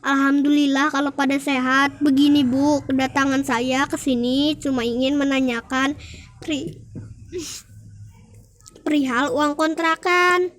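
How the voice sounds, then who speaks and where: A man's voice: extremely high pitch, level tone, a little slow, a bit bright. Young man doing a stern landlord. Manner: formal and insistent. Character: stern male landlord demanding overdue rent.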